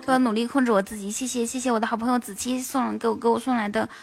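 A woman's voice: fairly high pitch, fairly even intonation, racing, creaky, faint music behind. A woman hosting a live stream, chatting playfully, repeating herself and laughing often. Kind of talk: casual live-stream chat.

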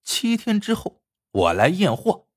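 A man's voice: on the low side, very animated, unhurried, slightly rough, dry recording, clean studio sound, pitched below the performer's own voice, heavily acted. A man voicing a bullying male steward of a warlord's household, threatening and sneering, in a spoken story. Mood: menacing.

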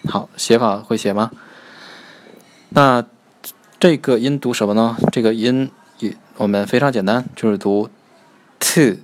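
A man giving a Korean pronunciation lesson in a mid-range voice. He talks through the explanations at a brisk pace, then slows down to sound each syllable out clearly, two or three times over. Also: mid-range voice, steady tone. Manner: slow drawn-out model sounds between quick explanations. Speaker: Korean language teacher.

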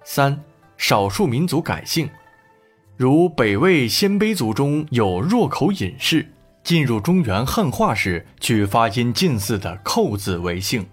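A man's voice: medium pitch, unhurried, husky, soft background music. A man narrating a children's history story expressively. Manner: expressive, lively.

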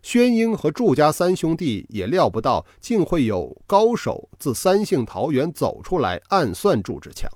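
A man narrating a novel as an audiobook reader, telling the story with dramatic, expressive delivery. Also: on the high side, a little slow, hardly any pauses, no echo, clean studio sound.

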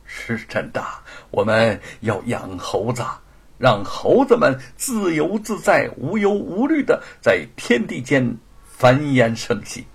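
A man voicing a gentle middle-aged scholar father who speaks softly and tenderly. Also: medium pitch, very animated, slow pace, creaky, husky, exaggerated voice.

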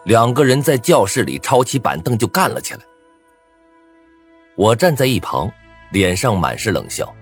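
A man's voice: medium pitch, very animated, moderate pace, pauses often, faint music behind. A man narrating a first-person thriller story with a dramatic, swinging delivery.

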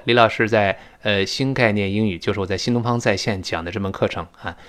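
Guy teaching english, really lively up and down voice, drags words out slow to show how to say them. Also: on the low side. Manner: explains eagerly, slowly repeats words to model pronunciation. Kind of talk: recorded lesson explanation.

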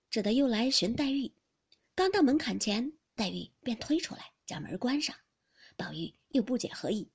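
A woman narrates a classic novel in an expressive storytelling reading. Her breathy voice is fairly high and very lively in pitch. She often drops to a soft, near-whispered delivery. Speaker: audiobook narrator.

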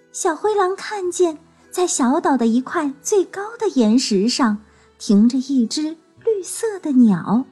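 A woman telling a children's story in a gentle, expressive way. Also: sits high.

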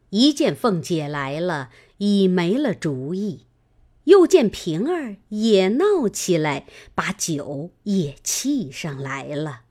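A woman reading a classic novel aloud as an audiobook narrator, with expressive, dramatic storytelling. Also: fairly low pitch.

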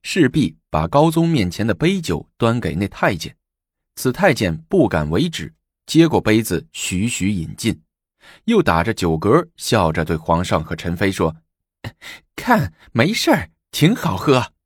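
A male storyteller reads a storybook tale with dramatic, lively pitch. His voice is husky and recorded close in a dry room. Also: moderate pace, dry recording. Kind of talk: storybook narration.

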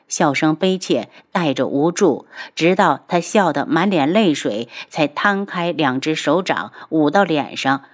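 A woman narrating a web novel audiobook in a steady storytelling read. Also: deep voice.

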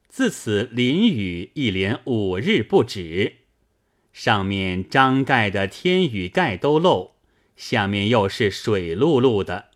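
A man reading a classic novel aloud as an audiobook narrator, in a measured, expressive storytelling manner. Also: on the low side.

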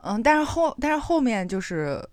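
A woman's voice: a little high, big pitch swings, moderate pace, no echo, clean studio sound. A woman co-hosting a podcast, talking in a chatty, reflective way with many fillers. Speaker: podcast co-host. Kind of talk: casual chat.

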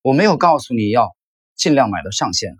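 A man reading aloud and voicing a composed, politely calm male speculator. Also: mid-range voice, fairly quick, slightly rough, no room sound, studio quality.

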